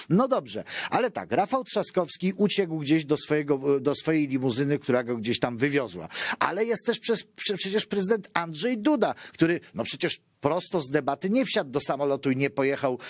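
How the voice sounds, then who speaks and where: A man's voice: medium pitch, no room sound, clean studio sound. A man hosting a political commentary show, talking in a chatty, mocking way and often addressing the viewers directly. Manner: mocking, chatty, keeps saying "dear viewers".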